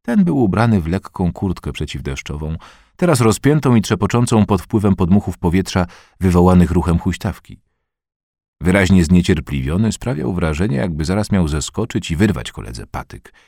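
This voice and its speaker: A man narrating an audiobook in a measured, expressive reading voice on a close studio mic. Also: low-pitched, gravelly, dry recording. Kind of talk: scripted narration.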